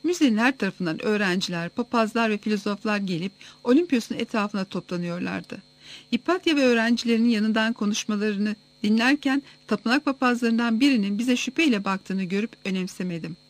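A narrator reading a first-person story aloud in a steady, even manner for an audiobook. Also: medium pitch, brisk.

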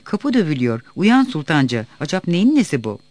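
A man voicing a flustered, sharp-tongued old village woman who scolds indignantly. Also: a little high, big pitch swings, a little fast, no echo. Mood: startled.

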